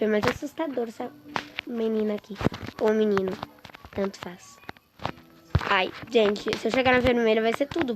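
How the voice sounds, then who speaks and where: A woman chatting excitedly and with exasperation to her viewers while commenting on a game she is playing. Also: on the high side. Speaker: gaming streamer. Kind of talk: casual gameplay commentary. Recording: noisy with clicks.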